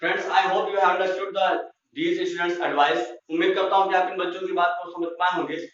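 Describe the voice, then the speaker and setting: A male teacher with an Indian accent urges his viewers to just start speaking. His voice is fairly high. He is heard from far off in a very echoey room. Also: little pitch movement, measured pace, fairly bright tone, muffled recording. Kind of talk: encouraging classroom talk.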